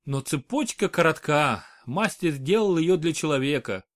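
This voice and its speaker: A man narrating an audiobook in a measured storytelling manner. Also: a little high, animated.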